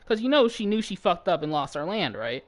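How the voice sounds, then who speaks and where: A young man telling a story in a loose, animated way, his pitch swinging widely from line to line. He swears freely and breaks into laughter, like someone chatting to viewers while gaming. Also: fairly quick. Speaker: channel host.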